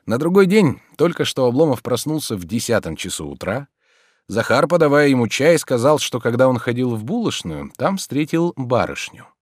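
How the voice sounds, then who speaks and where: A male audiobook narrator telling a classic story in an expressive way. His pitch moves in lively swings around a middle register. The recording is close and dry. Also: normal speed, no room sound. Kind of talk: scripted narration.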